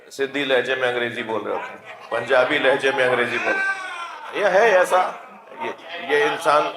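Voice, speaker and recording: A man preaching a sermon to a seated audience, with slow, drawn-out phrases. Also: medium pitch, sharp tone. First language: Urdu. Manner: measured, drawn-out phrasing, calls the audience to recite salutations. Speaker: Shia religious scholar giving a majlis lecture. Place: gathering hall with an audience. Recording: echoey hall.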